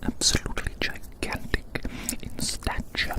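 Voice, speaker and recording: In an ASMR roleplay, a performer voices a domineering, gloating giant in a breathy, unvoiced whisper, a little slowly. Savouring every word with playful menace, the giant repeats phrases while toying with tiny prey.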